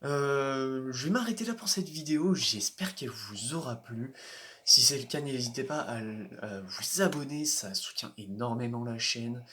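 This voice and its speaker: A man's voice: medium pitch, animated, normal speed, sharp tone, a little hiss or hum. A man giving casual, hesitant commentary while playing a racing game, often restarting his sentences and chuckling. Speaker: gaming video host.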